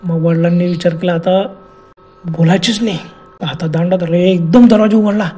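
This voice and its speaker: A man's voice: high-pitched, fairly even intonation, moderate pace, warm tone, faint music behind. A man narrating a horror story in a dramatic, exclamatory way.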